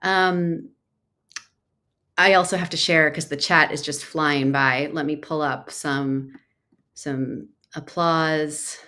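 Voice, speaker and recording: Excitable woman host gushing over a video call, lowish voice. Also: slow pace. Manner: effusive, excitable praise. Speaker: host and music mentor. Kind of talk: livestream interview.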